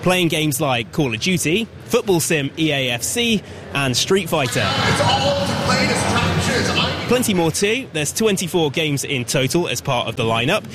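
A man working as a reporter, delivering an upbeat, clearly narrated field report. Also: on the high side, big pitch swings, moderate pace, over loud music. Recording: outdoor noise behind.

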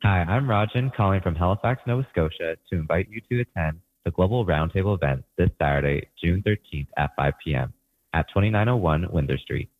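A man's voice: deep voice, lively intonation, brisk, no echo. A man leaving a voicemail message, reading out a prepared community-event invitation over a phone line. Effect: heard over a phone line.

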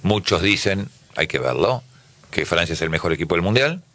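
A man's voice: low-pitched, lively intonation, fairly quick, a bit bright, no room sound. A man with a Rioplatense Spanish accent hosting a casual football chat, asking questions and often repeating his words. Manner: asks questions, repeats words, fills with "este". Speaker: host. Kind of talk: casual sports panel chat.

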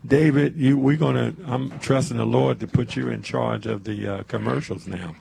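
A man's voice: medium pitch, fairly even intonation, normal speed, gravelly, background noise. A man in his seventies hosting a church radio show from the studio, talking in an easy preacherly way and dropping amens as he goes. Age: 70s. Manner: preacherly, peppers talk with amens. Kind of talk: casual church radio talk.

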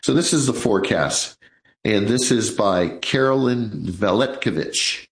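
A man's voice: lowish voice, measured pace, reverberant, poor audio. Chatty man in his sixties hosting radio. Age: 60s. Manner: chatty, folksy, addresses listeners as folks. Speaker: radio show host. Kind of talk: live financial radio talk.

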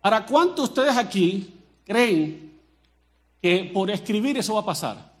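A Colombian man with a Colombian accent preaching a sermon as pastor, animated and joking as he addresses the congregation directly. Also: high-pitched, unhurried.

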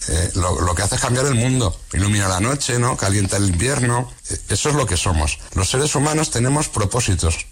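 A man's voice: medium pitch, breathy edge. A man with an accent from Spain, an interviewed archaeologist reflecting informally with rhetorical questions.

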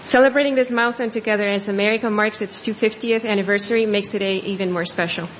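Woman from Ecuador, measured ceremony speech, muffled sound, faint ambience. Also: medium pitch, fairly even intonation, a little hiss or hum. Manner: earnest, measured phrasing. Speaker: new citizen giving a speech. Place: large tent at an outdoor ceremony. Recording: dull audio with faint ambience.

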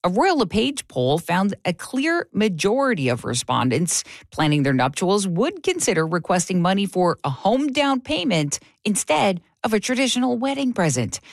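Lively, low-pitched female radio host. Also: no room sound, clean studio sound. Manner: clear, measured presenting. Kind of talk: scripted radio hosting.

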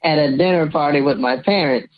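A man's voice: a little high, brisk, crowd noise. A man calling in to confess, his voice disguised by a voice changer, talking sheepishly with restarts. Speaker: caller. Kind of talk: casual phone confession. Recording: muffled phone line.

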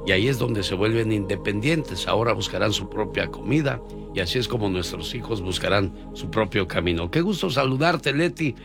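A man's voice: on the low side, animated, a little fast, creaky, hardly any pauses. A man hosting a morning radio call-in show, chatting with callers and telling folksy stories. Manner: folksy storytelling, playful. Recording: radio broadcast with music bed.

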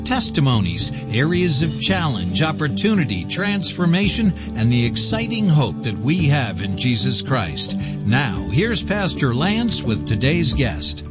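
A man announcing a radio show intro with smooth, lively announcer delivery. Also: mid-range voice, unhurried. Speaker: station announcer. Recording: voice over loud music bed.

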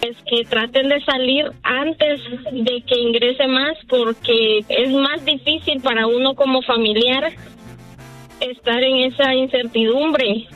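A woman's voice: sits high, steady tone, muffled recording, faint music behind. Earnest woman caller. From Honduras. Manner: earnest, measured. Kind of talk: phone-in radio call.

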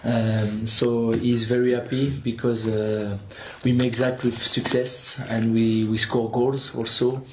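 A man working as a live interpreter, relaying a football coach's words at a press conference in a halting way, with many filler sounds. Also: medium pitch, flat delivery. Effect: live interpreter voice, relaying a coach's words in English. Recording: echoey room with clear background noise and clicks.

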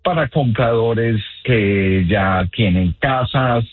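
A Colombian real estate agent calls in to a radio show, explaining things earnestly and using many fillers. His voice is on the low side and slow, and the phone line sounds tinny.

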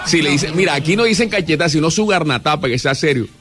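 A man's voice: fairly high pitch, lively intonation, fast, fairly bright tone, soft background music. A man with a coastal Colombian Spanish accent from the Caribbean side, hosting a radio show with slangy, jokey, casual banter.

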